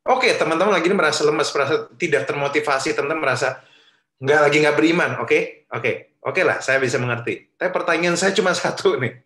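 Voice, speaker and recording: A man's voice: a little high, fast talker, fairly bright tone. A man with an Indonesian accent giving a casual youth sermon. He often questions his listeners and slips English phrases into his talk. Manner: chatty, asks the audience questions, mixes in English phrases. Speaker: youth pastor. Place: church room. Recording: echoey room.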